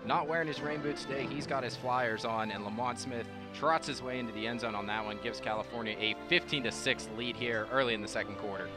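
A man's voice: medium pitch, brisk, few pauses, over music. A young American man giving live football analysis as a color commentator.

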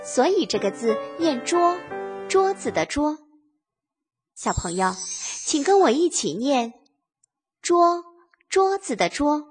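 A woman's voice: sits high, big pitch swings, slow, long pauses, faint music behind. A woman narrating a scripted lesson for small children, simply and in a singsong way as if reading to a toddler, repeating words for listeners to follow. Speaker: children's literacy teacher and narrator.

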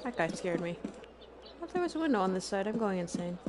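This woman streamer is very animated and talks fast at a medium pitch, commenting on her gameplay to herself. She jokes at her own expense and sometimes fumbles for words over game music, sounds, and a noisy background.

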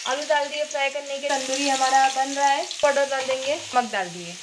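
A woman's voice: sits high, a little fast, noisy background. A woman hosting a home cooking video, chatting casually as she goes through the ingredients step by step in her kitchen. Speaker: cooking channel host.

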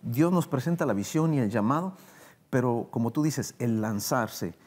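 A man's voice: medium pitch, expressive, moderate pace, darkish tone. Male host, studio interview, reflective and affirming. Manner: affirming with short "mm" responses, asks reflective questions.

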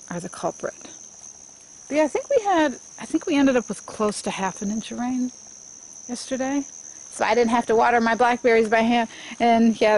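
Speaking in a mid-range, creaky, slightly mellow voice with a congested throat, a middle-aged gardening vlogger tours her sunny homestead garden. She films handheld at arm's length and thinks out loud casually, with fillers and restarts, over slight background noise.

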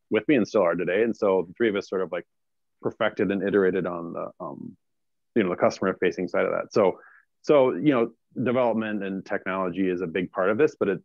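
A man's voice: low voice, no echo, lo-fi sound. A man in his forties, a startup cofounder, talking casually with many fillers in a video call interview from a small office.

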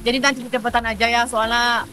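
Indonesian woman vlogging at a waterfall, quick and chatty, kinda high bright voice, music under it. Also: little pitch movement. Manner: chatty, upbeat, with many fillers. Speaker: travel vlogger. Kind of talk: casual travel vlog. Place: outdoors at a waterfall.

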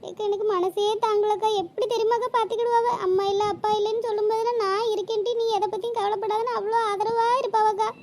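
A woman doing a squeaky tearful young mother. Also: fairly even intonation, fast, hardly any pauses, heavy background noise. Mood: tearful lament. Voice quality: very high, squeaky cartoon voice. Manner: pleading, lamenting. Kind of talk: cartoon voice acting.

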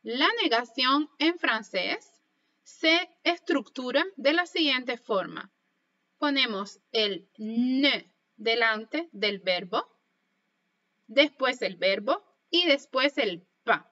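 A woman teaching a French lesson online, speaking slowly and carefully as she models pronunciation for learners to repeat. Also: on the high side, expressive, pushed and bright, muffled recording.

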